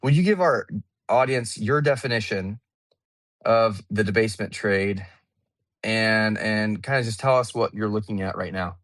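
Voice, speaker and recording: A low-pitched man hosts a live audio panel in a loose, chatty way, often restarting his sentences. The sound is dry and close, with no room around it. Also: normal speed, no echo. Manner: relaxed, chatty, many fillers and restarts. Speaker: host. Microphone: remote audio call.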